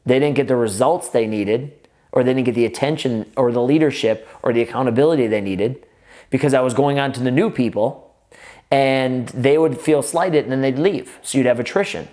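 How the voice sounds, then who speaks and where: A man's voice: medium pitch, a little fast. A man coaches would-be gym owners straight to the camera. He talks with lots of energy, stringing run-on sentences together and restarting himself as he goes. He sits at a table in an indoor office room, picked up by an off-camera mic. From United States. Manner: energetic, run-on sentences with frequent restarts, gestures with both hands. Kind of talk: direct-to-camera business advice.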